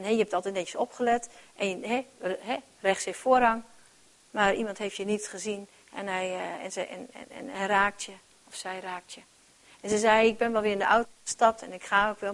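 A woman with a mid-range voice preaches with earnest conviction. Her delivery swings from soft near-whispers to loud, emphatic calls, and she repeats words when she restarts.

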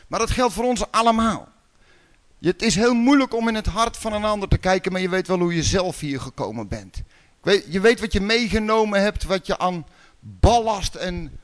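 A man from the Netherlands preaching a sermon in a conversational way, with rhetorical questions and sudden loud calls. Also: high voice.

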